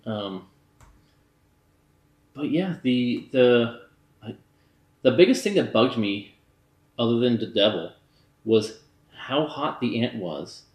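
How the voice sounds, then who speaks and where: A man's voice: mid-range voice, animated, takes it slowly, pauses often. Tipsy man rambling in an echoey room. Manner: tipsy, loose rambling talk. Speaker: movie reviewer. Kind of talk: casual banter review. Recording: roomy, echoey sound.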